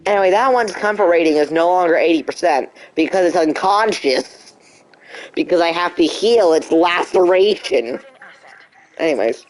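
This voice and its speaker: A man's voice: high voice, animated, moderate pace, slight background noise. A young man streaming a game, chatting casually and talking back to the game in mock frustration. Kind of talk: casual live gameplay commentary.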